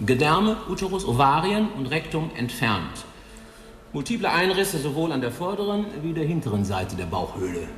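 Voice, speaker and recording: In a radio drama, an actor plays a big old male pathologist who dictates an autopsy report in a dry, clinical way. The voice is fairly high pitched, very animated and at normal speed. The room sounds tiled and echoey, with faint hiss.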